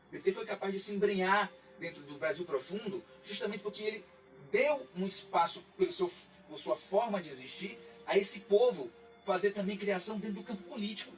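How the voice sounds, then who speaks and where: This radio guest is a man in his forties with a high voice and a fairly quick delivery. He lectures reflectively on politics, restarting often. The studio recording uses a distant mic and has faint music underneath.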